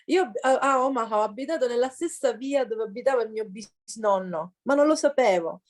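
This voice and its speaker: Woman, middle-aged, higher pitch, chatty bilingual host. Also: expressive, brisk. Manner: chatty, laughs often. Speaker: host and interpreter, genealogy researcher. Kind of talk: casual bilingual chat, interpreting.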